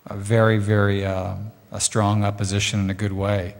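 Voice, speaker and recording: In a lowish, monotone voice at normal speed, the community services district board member addresses a public meeting. He is earnest and diplomatic but long-winded, and the hall around him reverberates.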